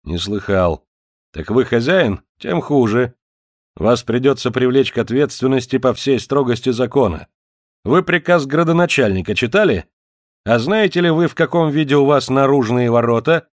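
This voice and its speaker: A man's voice: mid-range voice, lively intonation, moderate pace, no room sound, clean studio sound, pitched above the performer's own voice, lightly acted. A man voicing a bullying, suspicious Cossack officer who barks commands and interrogates in an audiobook. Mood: interrogating. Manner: barking commands, harsh and interrogating.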